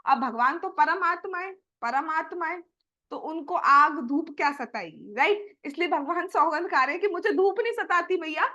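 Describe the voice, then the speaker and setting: एक महिला भक्ति कथा सुनाती है। वह छंदों को धीमे-धीमे गाती है और फिर सरल शब्दों में उनका अर्थ समझाती है। उसकी आवाज़ बहुत ऊँची और खनकदार है।. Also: female voice, high voice, lively intonation, sharp tone, highs cut off. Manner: explains each verse slowly, then paraphrases. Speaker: devotional storyteller. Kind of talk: devotional story sermon with sung verses.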